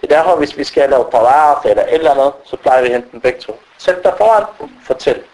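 A man's voice: medium pitch, poor audio. A man giving an informal religious talk, telling stories and acting out the voices of the people he quotes. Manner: animated, acts out quoted speech. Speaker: Islamic preacher.

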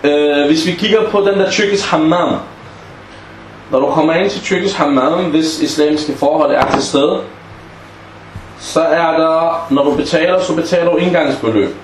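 A man teaching a class on Islamic legal maxims, often asking the students questions and acting out short example dialogues. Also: fairly high pitch. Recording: echoey room with faint background noise.

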